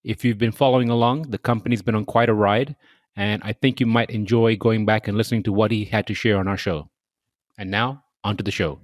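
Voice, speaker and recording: A man hosting a podcast interview, reading measured, scripted introductions and asking questions. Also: on the low side, steady tone, dry recording, studio quality. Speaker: podcast host.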